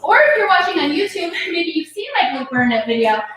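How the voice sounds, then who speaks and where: A woman working as an aerobics instructor, leading a follow-along workout and counting reps with energetic encouragement. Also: extremely high pitch, brisk. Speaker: fitness instructor. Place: indoor home workout space. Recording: echoey room, far from mic, music behind.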